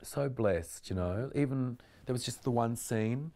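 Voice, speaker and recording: A man in his forties, an actor, chats animatedly and laughs often during a casual interview. His mid-range voice is warm and a little slow. The setting is an indoor living room lined with bookshelves.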